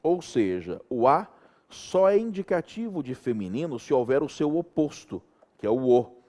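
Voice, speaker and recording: Animated Brazilian man teaching grammar. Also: mid-range voice, moderate pace. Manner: animated, checks in with students often. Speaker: Portuguese teacher. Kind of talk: grammar lesson.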